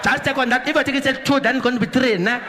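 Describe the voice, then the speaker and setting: A man's voice: extremely high pitch, steady tone, very fast, voice pushed up. Give me a man voicing a sloppy, chatty airport announcer with a South African accent who rambles and repeats himself over an airport intercom. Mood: careless. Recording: live comedy stage with loud crowd noise.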